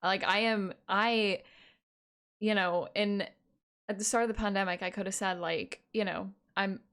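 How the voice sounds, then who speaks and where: Late-twenties woman co-host, mid-pitched, theatrical grumbling, swears casually, jokes at her own expense. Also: steady tone, unhurried, a bit bright. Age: 20s. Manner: dramatic, swears freely, self-mocking. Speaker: podcast co-host. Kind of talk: casual chat.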